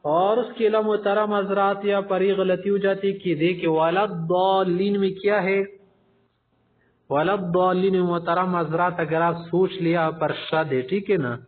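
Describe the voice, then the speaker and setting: A man teaching Quran recitation rules, explaining patiently and slowly singing out example verses. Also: high-pitched, steady tone. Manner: demonstrates recitation slowly, drawn out and sung; addresses listeners as respected gentlemen, explanatory. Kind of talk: tajweed lesson. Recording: tinny phone-like recording.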